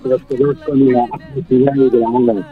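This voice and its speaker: A man's voice: medium pitch, flat delivery, moderate pace. A man calling in to a radio show, his phone held away from his mouth so he sounds faint and unclear, talking in an effusive, complimentary way. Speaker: phone-in caller. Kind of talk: friendly radio call-in chat. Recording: distant, tinny phone line.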